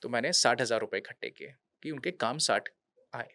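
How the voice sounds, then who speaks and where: Animated and brisk, a podcast guest in his thirties who works with a veterans' charity earnestly tells a true story in a conversational interview, dropping English words in as he goes. His voice is medium-pitched, bright, and forceful, on a dry recording.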